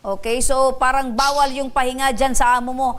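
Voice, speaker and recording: Woman host of an aid program: high pitch, probes and recaps the caller's story. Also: fairly even intonation, a little fast. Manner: probing, summarizes the caller's story back. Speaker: host of a public-service program. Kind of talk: radio interview.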